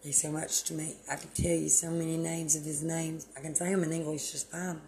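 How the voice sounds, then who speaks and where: A woman's voice: low voice, level tone, brisk, dark tone, slight background noise. A woman host delivering a rambling, preachy spiritual monologue on her own channel, meandering and self-deprecating.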